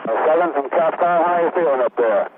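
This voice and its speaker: Ground controller: man, fairly high voice, crisp procedural read-backs, breaking-up radio, tinny with heavy hiss. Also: fast. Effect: crackly, breaking-up space-to-ground radio. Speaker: ground capsule communicator. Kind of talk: mission radio communication. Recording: tinny, noisy vintage radio link.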